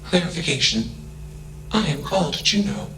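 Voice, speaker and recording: An actor voicing a curious, self-aware machine intelligence that speaks in flat, emotionless, clipped statements, each one introduced with a label. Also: male voice, on the high side, moderate pace, slight background noise, poor audio. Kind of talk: video game dialogue. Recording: game audio with loud music behind. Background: music.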